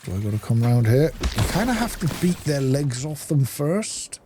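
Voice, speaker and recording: Over a noisy background, a man with a mid-range voice gives casual playthrough commentary as a gaming host. He's very animated yet thinks aloud in an unhurried way while he plays.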